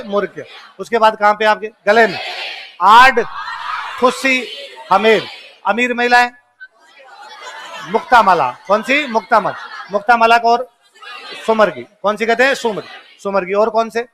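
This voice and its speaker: Male exam-coaching teacher, Rajasthani accent, high voice, drills lists call-and-response, faint classroom murmur. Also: fairly bright tone, a little hiss or hum.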